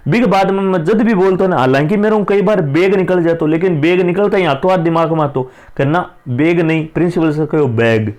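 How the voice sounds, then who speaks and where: A man's voice: a little high, brisk, hardly any pauses, darkish tone. A man teacher with a Rajasthani accent, going through exam questions in a casual, chatty way. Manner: casual, chatty, mixes dialect with Hindi. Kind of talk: exam-prep lesson, explaining answers.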